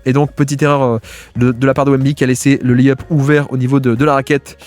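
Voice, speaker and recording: A man giving casual, fast-paced commentary as he breaks down basketball game film, with many fillers and restarts. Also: mid-range voice, flat delivery, darkish tone, soft background music. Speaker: basketball video analyst.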